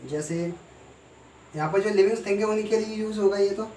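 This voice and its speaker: A man teaching a grammar lesson, who explains slowly and asks and answers his own questions. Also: high-pitched, mellow. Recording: echoey room, voice from far off, faint noise.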